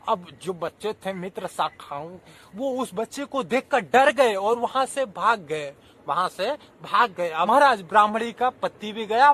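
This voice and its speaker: A man's voice: extremely high pitch, a bit bright. A man narrating a devotional story, repeating phrases and addressing listeners respectfully. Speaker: religious storyteller.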